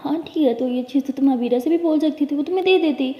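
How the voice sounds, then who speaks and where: A woman's voice: high voice, fast, mellow, close to an everyday voice. A woman voicing a bossy, grumpy elder sister in a spoken story, talking brusquely and self-importantly. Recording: echoey room, dull lo-fi sound.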